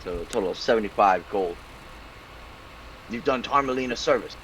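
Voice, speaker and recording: A laid-back man running a tabletop game on a stream, with a lowish voice. He narrates loosely, swears now and then and calls his players "bro." A faint hiss sits under his mic. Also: a little fast, fairly bright tone. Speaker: game master.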